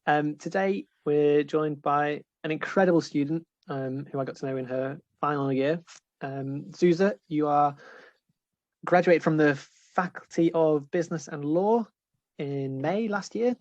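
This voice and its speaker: A man's voice: fairly high pitch, moderate pace, no echo. Hesitant male host, muffled call. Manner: friendly, hesitant, many ums and restarts. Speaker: host, student union interviewer. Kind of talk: casual video interview. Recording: slightly muffled call audio.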